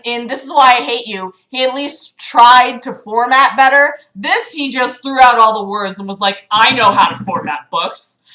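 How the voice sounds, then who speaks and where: A woman hosts a livestream, mockingly reading a book aloud and tossing sarcastic, exasperated comments and casual swearing to her live chat. Her voice sits a little high, pushed and bright, and the rough recording is reverberant.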